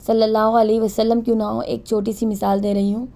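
A woman talks through a devotional practice in a calm, repetitive way and slows right down for each recited phrase. Her voice is dark and mellow with a gravelly edge. Her pitch stays flat and level throughout. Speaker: religious instructor. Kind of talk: spoken instruction with slow recitation.

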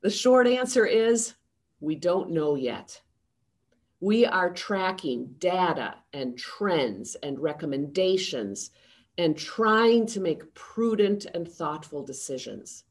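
Over a video call from her home study, a seminary president in her sixties delivers a prepared, formal address to a town hall. She speaks slowly and unhurriedly in a slightly low register, keeping a steady, measured tone.

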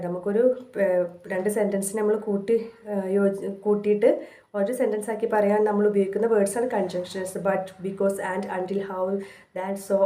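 A woman tutor with a Malayali accent explaining a course lesson in a conversational way, pausing often to search for words. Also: mid-range voice, mellow, echoey room, low-quality recording. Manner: conversational, with frequent fillers and pauses to find words.

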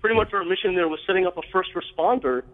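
A man's voice: sits high, quick pace. A man calling in to a radio show over the phone, talking earnestly with many fillers and restarts. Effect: call-in phone line on air. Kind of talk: call-in radio chat. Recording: tinny phone line with long reverb.

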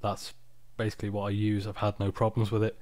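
Low-voiced man narrating a screen recording. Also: completely flat delivery, quick pace, a little mellow, no room sound. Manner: informal, unpolished, off-the-cuff explaining. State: tired. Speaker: software tutorial presenter. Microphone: external microphone, close and dry.

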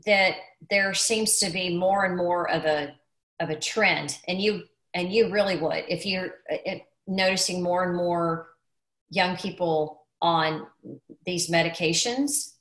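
A woman's voice: lowish voice, fairly even intonation, a little slow, fairly bright tone. A middle-aged woman hosts a video call interview. She asks follow-up questions in a supportive way. Her voice sounds roomy and echoey, from a home office. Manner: supportive, frequent backchannel murmurs. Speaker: host, life coach.

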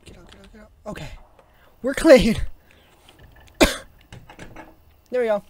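A YouTuber with a raspy voice from a sore throat, chatting and grumbling to themself through casual gameplay commentary. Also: mid-range voice, a little fast, slight background noise. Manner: mutters and grumbles to self, chatty asides. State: sick with a sore throat, coughing. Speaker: gaming YouTuber.

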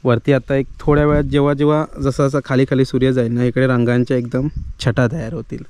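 A fast-talking village vlogger in his thirties from the Konkan coast of Maharashtra, India, has a mid-range, clean-toned voice and a Konkani Marathi accent, and the recording sounds dry. He holds his camera at arm's length in a rural village yard, casually chatting and speaking directly to viewers.

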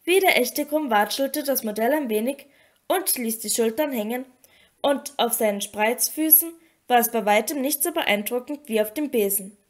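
A woman narrating an audiobook in a high, clear voice. She tells the story in a steady, expressive way, keeping an even flow through the scenes. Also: normal speed. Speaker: audiobook reader.

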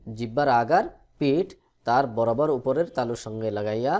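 A man's voice: mid-range voice, a little mellow. Patient male Quran teacher drilling letters. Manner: slow, patient explanation with drawn-out letter drills. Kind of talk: recorded lesson on letter pronunciation.

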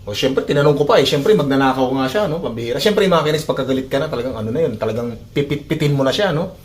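A man talking casually to his viewers in a vlog on his phone, animated and chuckling, with lots of tag questions. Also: mid-range voice, quick pace. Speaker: vlogger.

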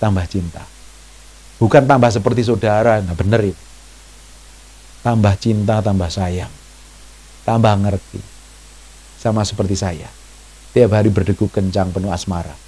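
A man preaching a sermon as pastor, chatting with the congregation and breaking into high mocking voices when he quotes people. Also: normal speed, long pauses, husky. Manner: animated, jumps into high mock voices when quoting people; chatty, asks the congregation questions.

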